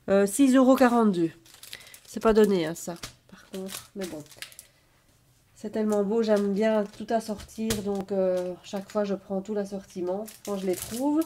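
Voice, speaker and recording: A woman showing off her scrapbooking purchases in a casual haul video, talking slowly and hesitantly with many fillers. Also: medium pitch, fairly even intonation, mellow, a little hiss or hum.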